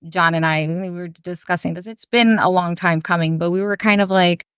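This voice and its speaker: A woman's voice: fairly low pitch, steady tone, normal speed, clear, resonant tone, dry recording, clean studio sound. A woman in her thirties from Brazil, a podcast guest and business owner, talking in a rambling, friendly way. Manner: rambling, warm, full of "you know" fillers. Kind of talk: casual interview chat.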